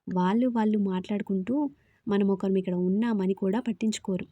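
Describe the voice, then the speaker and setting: A woman's voice: medium pitch, fairly even intonation, brisk, dark tone, no echo, highs cut off, lightly acted. A woman voicing a playful young man who teases and jokes with his friends in a storybook. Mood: teasing. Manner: joking, teasing. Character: playful teasing young man, fond uncle.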